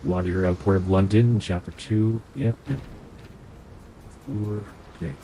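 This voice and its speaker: A young man who is sick and sounds nasal streams a game playthrough, chatting and thinking aloud in live commentary. His voice is on the low side, steady and measured, with background noise present.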